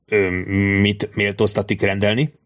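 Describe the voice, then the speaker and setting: A man voicing a smooth, mock-deferential bandit jailer in an audiobook. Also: on the low side, flat delivery, a bit bright, lightly acted. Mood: mock-polite. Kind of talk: audiobook character voice.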